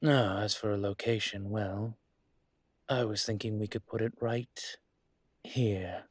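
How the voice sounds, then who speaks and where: For a scripted roleplay audio, a man performs a monologue to the listener as a calm, courteous, protective male dragon mafia boss. His low, husky voice stays steady, with very unhurried, deliberate phrasing and pauses that sound assured and politely in control. There is no echo.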